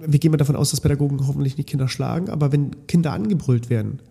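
A man's voice: a little high, rapid-fire, vocal fry, dark tone, slightly rough. A man co-hosting a casual podcast conversation, reflective and explaining through everyday examples. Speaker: podcast co-host.

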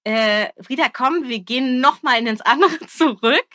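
A woman's voice: high voice, moderate pace, pushed and bright, dry recording, clean studio sound. A woman, a mother, telling a story about her child in a hesitant way, with many fillers and frequent laughs. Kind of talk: casual storytelling.

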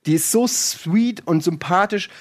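A man's voice: sits high, a little slow. A young man in casual podcast chat, retelling a series with laughs and acted-out quotes. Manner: animated storyteller, laughing, acts out quotes. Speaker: podcast host recommending a series.

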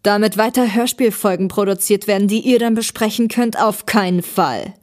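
A woman reading the part of a gloating male villain in a spoken story, loud and mocking. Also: medium pitch, normal speed, natural voice.

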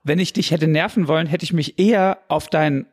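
A man's voice: a little high, a little fast. A man making playful, joking remarks in a casual chat.

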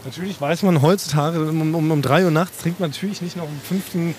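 A man talks in a relaxed podcast conversation with friends. His voice is a bit high, and he races through his sentences. Faint noise sits under the recording. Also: quick pace. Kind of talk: casual podcast chat.

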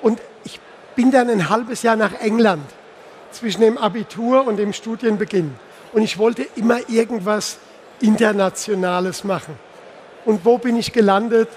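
A man in his sixties from the Palatinate, an insurance executive, answers questions casually as a guest on a live trade fair stage. His high voice is a little mellow, and the live setting adds faint background noise.

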